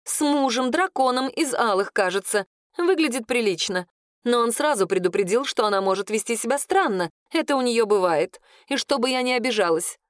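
A woman's voice: fairly high pitch, animated, a little fast, dry recording, voice pushed up, close to an everyday voice. Woman doing a blunt sardonic kitchen woman, dry close sound, audiobook. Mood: musing. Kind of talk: audiobook character voice.

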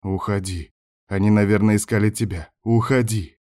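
A worried male professor urging a child to run, low and hushed, as a narrator plays him. Urgent and tense. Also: fairly even intonation, a little fast, lightly acted.

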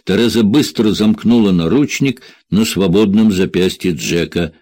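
A man narrating a thriller audiobook in a steady, measured reading. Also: sits low, no room sound, clean studio sound.

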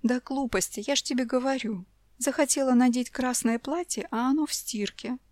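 Woman doing an annoyed young mom in a storybook, sharp, loud-ish, dry close sound. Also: sits high, normal speed, no echo, pitched above the performer's own voice, close to an everyday voice. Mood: dismissive. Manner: indignant, raised voice. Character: exasperated young mother, sharp-tongued.

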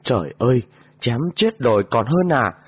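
A man voicing a loyal highland male servant who pleads and exclaims in a raised, lively voice. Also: moderate pace, breathy edge, highs cut off. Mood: pleading. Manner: excited, exclamatory, raised pitch.

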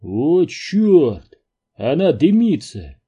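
A man's voice: a little high, very animated, extremely slow, warm tone, breathy edge, muffled recording, voice pushed up, heavily acted. A man doing a cocky, thrilled scientist. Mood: explaining.

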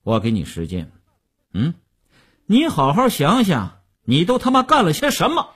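A man's voice: on the high side, huge pitch swings, normal speed, husky, pitched above the performer's own voice, heavily acted. A man voicing an angry, jealous man who hurls mocking, insulting questions. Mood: threatening. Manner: shouting accusations, mocking questions.

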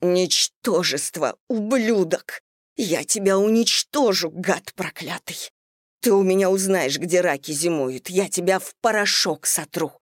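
A narrator voicing a humiliated, furious woman hurling insults, slow and low. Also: no room sound, clean studio sound, lightly acted. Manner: slow, low, spitting curses.

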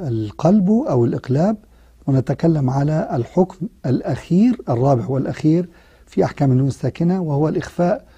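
A man with an Egyptian accent gives a recorded online recitation lesson. His voice is very dark and mellow with a husky edge, and it sits a little high. He explains patiently and drags out syllables to demonstrate how they sound. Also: no echo, dull audio. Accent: Egyptian Arabic. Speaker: Quran recitation teacher.

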